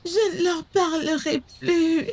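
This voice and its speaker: A woman's voice: extremely high pitch, fairly even intonation, slow pace, a little mellow. An actress dubbing a terrified young woman who begs and sobs for her life. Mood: sobbing. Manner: begging, sobbing, repeating pleas. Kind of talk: dubbed film acting.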